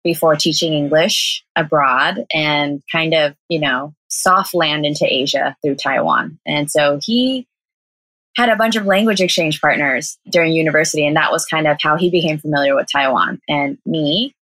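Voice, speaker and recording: This young Southern Californian woman has a low, slightly bright voice and an American accent, speaking at normal speed on a rough recording with no echo. She's a vegan cafe owner appearing as an interview guest, chatting casually, laughing a lot and saying "like" constantly.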